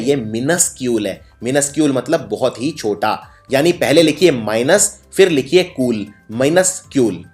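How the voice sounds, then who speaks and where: Hindi-speaking man spelling words aloud. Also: on the high side. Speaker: English spelling teacher. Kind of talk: explaining lesson.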